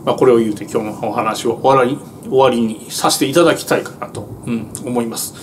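A man's voice: medium pitch, steady tone, fast talker, a little hiss or hum. A man with a Kansai accent, a truck driver rambling through a casual monologue to viewers with lots of fillers. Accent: Kansai Japanese. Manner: rambling, filler-heavy storytelling in broad dialect. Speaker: truck driver telling stories.

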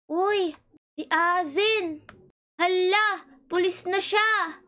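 Brief: woman host of a block-game role-play, extremely high squeaky voice, polite and fussy. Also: drawn-out words. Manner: polite, excitable, fussing.

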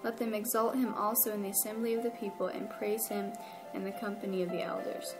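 A woman co-host reading a long scripture passage aloud in a steady, even way. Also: medium pitch, a little fast, over music, rough recording.

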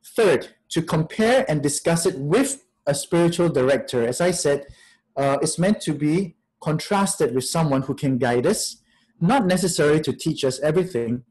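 A man in his fifties, a priest giving a spiritual talk on a video call, reflective and questioning, with soft laughs. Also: on the high side, slightly rough, poor audio. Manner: reflective, asks many questions, laughs softly. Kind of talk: spiritual talk to an online audience. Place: small room, in front of a plain wall. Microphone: webcam on a video call.

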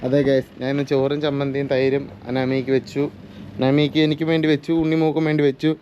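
A man's voice: medium pitch, flat delivery, fast, dark tone, dull audio, a little hiss or hum. A young man from chatting casually to his viewers in a home vlog, teasing and talkative. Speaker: vlogger. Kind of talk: casual family vlog chat.

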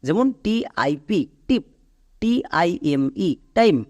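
High-voiced man teaching pronunciation. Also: animated, takes it slowly, a little mellow, highs cut off. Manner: patient, repeats and spells out letters. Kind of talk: tutorial explanation.

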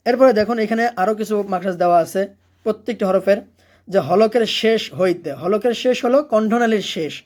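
A Quran recitation teacher who explains pronunciation rules step by step and then recites verses slowly and melodically. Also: medium pitch, a little mellow. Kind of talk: recitation lesson.

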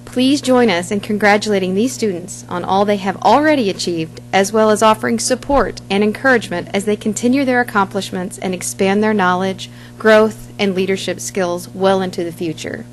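A middle-aged woman on a high school's staff reads a formal award announcement in a measured way. She speaks into a podium microphone in a large boardroom, with slight background noise.

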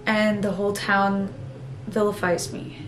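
Woman acting out sorrowful young woman, slow halting confession, self-conscious, dramatic monologue, roomy echo. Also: mid-range voice, level tone, close to an everyday voice. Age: young adult. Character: embarrassed young woman confessing a painful, tragic fantasy. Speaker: actor performing a monologue. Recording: roomy echo, clear background noise.

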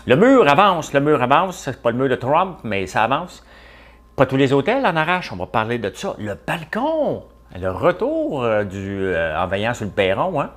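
A middle-aged man with a Quebec French accent hosts a casual livestream, reading viewer comments and chatting with people by name. His mid-range voice swoops wildly in pitch, and he talks at a normal speed.

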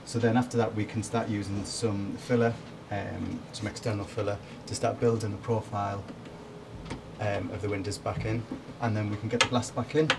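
A man renovating old windows, explaining his work to camera in a relaxed, hesitant way with lots of ums. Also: lowish voice, normal speed, vocal fry, background noise. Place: top-floor room of a château.

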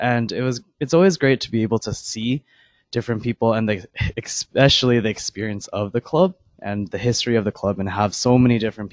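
A man's voice: medium pitch, a little mellow, dry recording. A man giving a short impromptu speech at a club meeting, laying out three points and stumbling with nervous laughs. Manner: structured but flustered, stumbles and laughs. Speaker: club member answering a question. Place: cafe meeting room.

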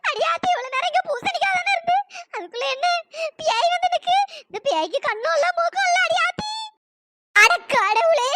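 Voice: extremely high pitch, sharp tone, no room sound, heavily acted. A performer voicing a frightened older sister in a cartoon story, whining and panicking.

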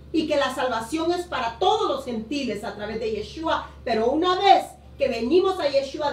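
Middle-aged woman pastor, Honduran-born, unhurried emphatic sermon delivery; high pitch, webcam in a roomy space. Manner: emphatic preaching, stretching key words slowly. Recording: roomy echo, voice a bit distant.

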